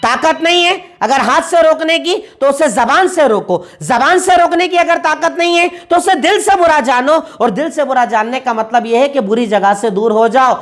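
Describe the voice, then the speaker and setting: Woman teaching a Quran lesson, high voice. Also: hardly any pauses. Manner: explains word by word, mixing in English glosses; repeats points in steady lists.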